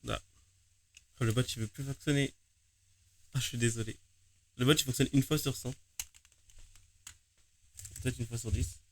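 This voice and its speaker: A man's voice: medium pitch, fairly even intonation, normal speed, pauses often. Chatty male game streamer. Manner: chatty, self-mocking.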